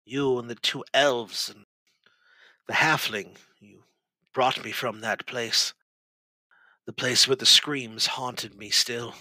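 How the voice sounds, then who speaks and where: A man voicing a weak, traumatized young male librarian who speaks slowly and faintly. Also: medium pitch, steady tone, sharp tone, no room sound, exaggerated voice, low-quality recording. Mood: haunted. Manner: slow, faint, haunted.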